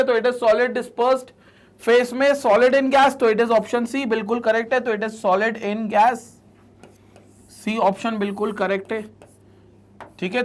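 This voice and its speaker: A woman giving an exam-prep chemistry lecture. She mixes English terms into her speech, reads questions out slowly and repeats each answer. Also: fairly high pitch. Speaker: chemistry teacher.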